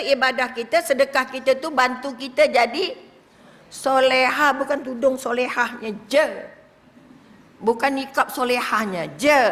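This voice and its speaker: An older woman with a Malaysian Malay accent giving a religious lecture, lively, posing rhetorical questions and dropping to whispers to demonstrate prayer. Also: on the high side. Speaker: religious teacher. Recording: reverberant hall.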